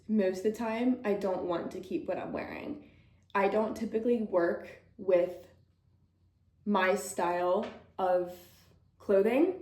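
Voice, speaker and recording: A woman in her twenties, a model and vlogger, chats casually to camera answering viewer questions. Her mid-range voice has a darkish tone, and she is bubbly, laughs often, and sounds slightly out of breath. The recording has a roomy echo.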